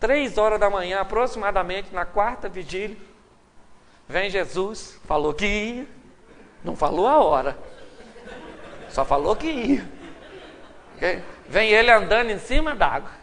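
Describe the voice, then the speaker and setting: Brazilian pastor preaching, high bright voice, jokey storyteller, big echoey hall. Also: male voice, a little slow, pauses often, a little hiss or hum. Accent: Brazilian Portuguese. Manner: humorous, animated storytelling with acted quotes. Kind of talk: sermon. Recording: live hall recording with long reverb.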